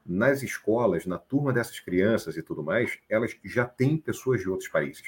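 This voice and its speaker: A man's voice: on the low side, expressive, normal speed. A man from Brazil, a guest explaining things in a casual live-stream chat and laughing often.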